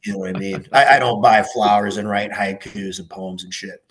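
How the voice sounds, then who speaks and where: A man's voice: lowish voice, sing-song, moderate pace, gravelly, fairly bright tone. A middle-aged man, a podcast guest, talking casually in a rambling, profane way full of fillers and stories.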